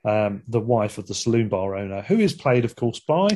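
A man talks films in a relaxed, rambling way, stopping and starting as he retells a plot. His voice is dark and mellow with a husky edge. The delivery is loose chat between friends. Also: fairly low pitch, normal speed. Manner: rambling, with frequent fillers and laughs. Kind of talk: casual film discussion.

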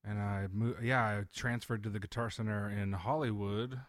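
A man's voice: on the low side, steady tone, moderate pace, dry recording, studio quality. A man as a podcast guest, telling stories casually in a candid, joking way. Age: late 20s or older. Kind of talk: casual storytelling chat.

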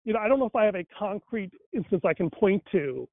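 Over a dry, thin phone-style line, a man whose native tongue is Tamil speaks quickly and animatedly in a high-pitched voice. He muses casually on faith and language, restarting often and leaning on fillers.

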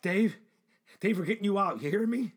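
An actor playing a gruff scaffolding worker, practical and plain-spoken, giving orders to his crew in an audio drama. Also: high voice, moderate pace. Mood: alarmed. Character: gruff male scaffolding worker, foreman type.

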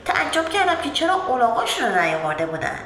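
A woman playing a scornful city boy, high and mocking. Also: sing-song, fairly bright tone. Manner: mocking, boastful. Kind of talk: storybook reading. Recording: roomy echo with background noise.

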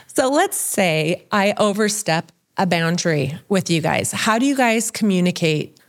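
A woman's voice: fairly low pitch, animated, a little slow. A woman hosting a casual podcast discussion, talking in a reflective way and asking the others questions.

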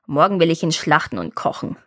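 A woman's voice: deep voice, big pitch swings, fairly quick, voice pushed down. A woman voicing a wicked old witch. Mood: harsh commanding. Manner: gruff, scolding, bossy. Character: wicked old child-eating witch, cunning and harsh. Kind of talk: storybook reading.

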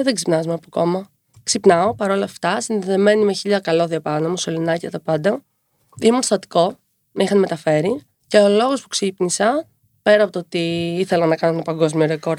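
A woman in her twenties, a podcast guest who talks quickly and tells her story with wry humor. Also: mid-range voice, no room sound, studio quality. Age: 20s. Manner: fast-talking, lively storytelling with wry humor. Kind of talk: casual conversational interview.

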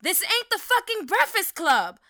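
A woman acting a quick-tempered, sulky teenage student in detention who swears freely. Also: very high-pitched, very animated, pushed and bright, heavily acted. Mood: grumbling. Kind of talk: audio drama acting.

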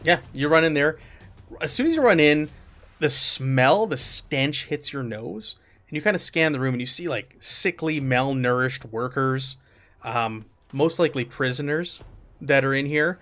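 A man's voice: medium pitch, a little slow. A man running a tabletop game as game master, narrating casually with lots of fillers and laughs. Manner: relaxed, filler-heavy, laughs often.

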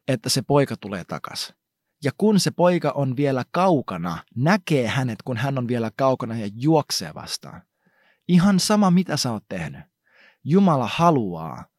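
A man giving a casual, conversational devotional talk, slangy and animated, acting out little asides as he retells stories. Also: mid-range voice, no room sound, studio quality. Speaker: preacher.

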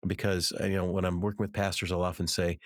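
A middle-aged American man, an author and ministry teacher, appears as an interview guest, telling anecdotes in an earnest, conversational way and repeating words for emphasis. His voice is low and level-toned, and he talks fast. The sound is clean studio audio with no room sound.

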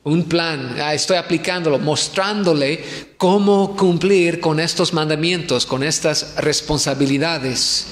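Man, pastor, conference sermon, slow deliberate delivery, slightly high voice, echoey hall. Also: a bit bright. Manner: asks the audience questions and repeats himself. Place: church hall in Ecuador.

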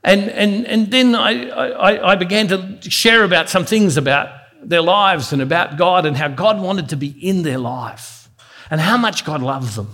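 A man's voice: sits high, measured pace, pushed and bright. Earnest man preaching a devotional sermon. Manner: earnest, repeats words as he builds a point. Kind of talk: devotional sermon with personal storytelling.

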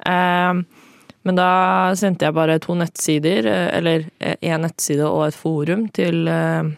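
A young woman co-hosting a radio chat, hesitant and full of fillers. Her voice has a gravelly fry. The studio sound is dry and close. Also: lowish voice, dry recording. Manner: hesitant, many fillers and laughs. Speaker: radio co-host.

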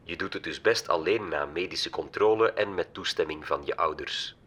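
A man reading an audiobook and voicing a calm artificial intelligence that speaks in a girl's head, warm and clear, measured and matter-of-fact. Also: low-pitched, muffled recording. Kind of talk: audiobook character voice.

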